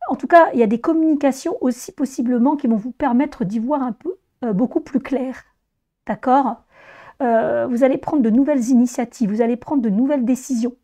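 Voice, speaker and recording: A woman with a hoarse, strained voice that sits fairly high yet has a soft, mellow tone. She gives an informal tarot reading, speaking directly to viewers as she explains. Her voice sounds worn by laryngitis. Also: brisk. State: hoarse, voice weakened by laryngitis after flu. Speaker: tarot reader presenting a monthly horoscope reading.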